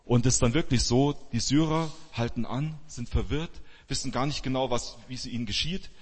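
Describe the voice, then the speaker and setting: A man preaching a sermon as a pastor, retelling a Bible story in a lively way and acting out the quoted speech. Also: mid-range voice, brisk, breathy edge, in a large hall.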